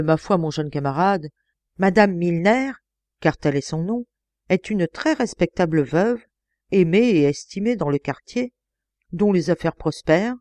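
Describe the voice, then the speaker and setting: A woman's voice: on the low side, darkish tone, dry recording. A woman reading an audiobook, voicing a genial, blustery male police commissioner with hearty exclamations.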